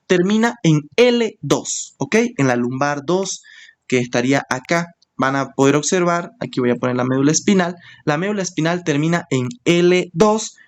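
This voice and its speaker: Male anatomy teacher, walks students through it step by step, repeats the key terms, keeps checking in with them. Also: on the high side. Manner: explains step by step, often checks in with "¿ok?". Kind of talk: screen-share anatomy lesson.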